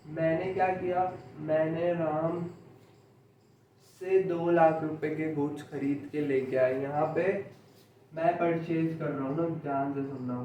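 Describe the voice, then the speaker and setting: A young man teaching commerce in a slow lecture style, repeating each point and checking that his students follow. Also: on the high side, dark tone, lo-fi sound. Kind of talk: classroom lecture. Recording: echoey room, mic far off, faint noise.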